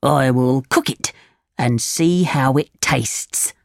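A woman voicing a hungry fisherman in a lowered, slow voice. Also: gravelly, no room sound, studio quality, exaggerated voice. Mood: musing. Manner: low and slow. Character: hungry gruff male fisherman.

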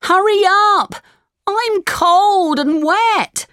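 A woman voicing an eager, impulsive wooden puppet boy in a shrill, excited voice. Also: slow, no echo, studio quality, heavily acted.

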